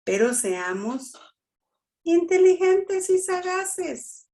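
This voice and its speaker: A woman teaching a family workshop in a preaching style. She talks slowly and emphatically, checks in with the audience, and acts out quotes. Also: very high-pitched, sing-song, mellow. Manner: slow, emphatic, with repeated "¿sí?" checks and acted-out quotes. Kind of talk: preaching talk.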